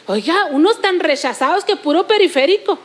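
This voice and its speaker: A Mexican woman delivers a sermon in a high, bright voice. She presses her points by repeating phrases and drawing out key words slowly. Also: lively intonation. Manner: emphatic repetition, slowing to stress points. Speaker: preacher.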